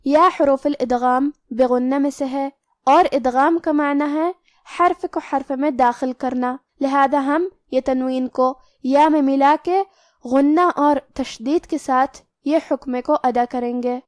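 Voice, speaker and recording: A woman with a high, clear voice leads a Quran recitation lesson, naming each letter rule in order before sounding the word out slowly. The recording is close and dry, with no room sound. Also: steady tone, no room sound. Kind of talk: tajweed lesson, explaining letter rules.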